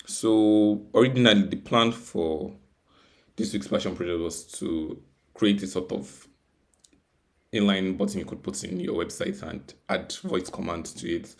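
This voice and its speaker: Unhurried and low-voiced, this software developer hosts a casual, unscripted coding screencast walkthrough. He rambles in a self-deprecating way, often repeating words and phrases.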